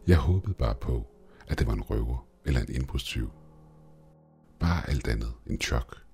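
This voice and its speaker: Man, extremely deep voice, scripted horror narration, tense first-person telling, faint music underneath. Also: animated, darkish tone.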